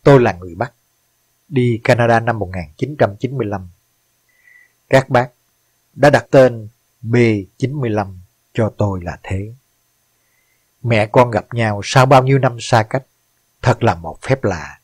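A man's voice: mid-range voice, unhurried, pauses often, breathy edge, dry recording. A man voicing an elderly widow who humbly recounts her life and gives thanks. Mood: heartfelt. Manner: humble, heartfelt storytelling. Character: elderly northern woman, grateful widow.

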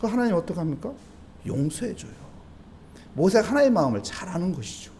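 A man's voice: high voice, sing-song, fast talker, darkish tone, a little hiss or hum. A man preaching at an early-morning church service as pastor. He asks the congregation questions and acts out prayers and dialogue. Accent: Busan. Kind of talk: dawn service sermon.

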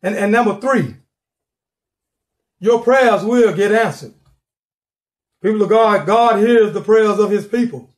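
A man's voice: high voice, a little slow, pauses often. A middle-aged man preaching a sermon from his living room, fervent and repeating words as he builds, calling for responses.

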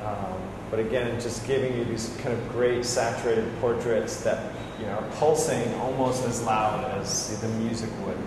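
A man in his forties who curates a small gallery leads a tour, talking through the photos in a loose, enthusiastic walkthrough packed with fillers. His mid-range voice keeps a fairly even intonation at a moderate pace, with hardly any pauses. He's on a lapel mic in an echoey room with background noise.

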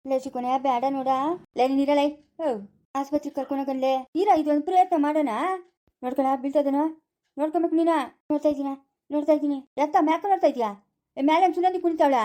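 A woman with a Chikkaballapura Kannada accent, loudly scolding in a rural family skit. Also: high-pitched. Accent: Kannada, Chikkaballapura area. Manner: loud scolding village dialect.

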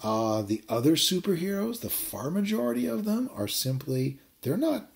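A man teaching a high school English class, giving a chatty recorded lecture. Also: moderate pace, gravelly. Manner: chatty, lively, acts out brief voices.

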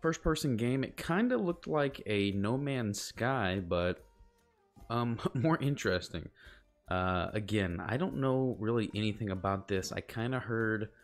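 A man's voice: on the low side, expressive, a little slow, faint music behind. A man commentating while playing a game, with casual, joking asides. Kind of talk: let's play commentary.

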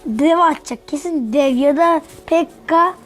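Woman, high voice, unhurried delivery; excitable gameplay commentary with outbursts at the rival. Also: faint music behind. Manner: excitable, yells at the opponent. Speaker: mobile game player.

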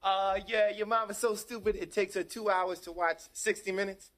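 A man's voice: high-pitched, steady tone, natural voice. An actor playing a cocky male contestant firing off jokes on a noisy old TV broadcast. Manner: cocky, rapid-fire jokes.

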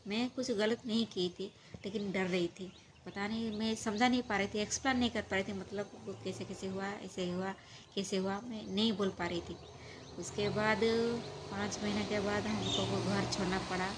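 Woman telling her own story, kinda halting, keeps searching for words, wistful, faint noise behind. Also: medium pitch. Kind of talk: emotional personal storytelling.

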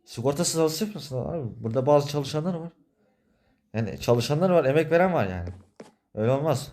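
A man with a Turkish accent in a game role-play, complaining with a frustrated, quick temper. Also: on the high side, expressive, darkish tone.

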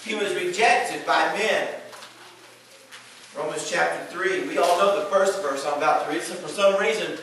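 A man preaching a sermon, reading Bible verses aloud and building to shouted emphasis. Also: high-pitched, normal speed, heavy reverb, distant mic, slight background noise, poor audio.

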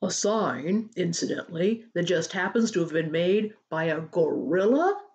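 A woman's voice: fairly low pitch, expressive, measured pace, a little mellow, lo-fi sound. A woman voicing a reluctant, cautious, weary father in a storybook, firm and doubtful.

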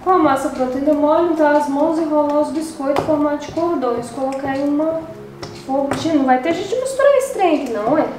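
Speaking quickly in a high voice, a young Brazilian channel host vents to her viewers in a chatty, exasperated manner while cooking in her home kitchen for a casual vlog. The sound is reverberant, with a noisy background.

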